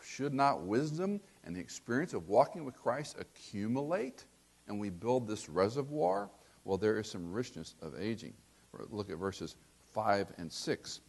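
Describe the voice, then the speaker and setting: A man's voice: on the low side, very animated, unhurried, creaky, a little mellow, slightly rough. An older man preaching a sermon, asking rhetorical questions and acting out quotes.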